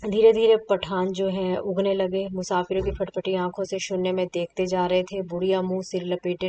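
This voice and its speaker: A woman's voice: fairly low pitch, mellow, distant mic, slight background noise. A woman teacher reading a short story aloud and explaining it, with casual asides. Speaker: Hindi literature teacher.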